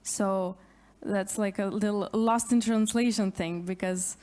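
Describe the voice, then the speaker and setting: A woman musician speaking on a conference panel, a native Macedonian speaker talking in English, halting, with many restarts. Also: medium pitch, steady tone, darkish tone.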